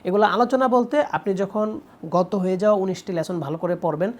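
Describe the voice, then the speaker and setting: A young woman presents her own book in a promotional talk, explaining step by step with frequent drawn-out pauses. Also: mid-range voice, a little mellow.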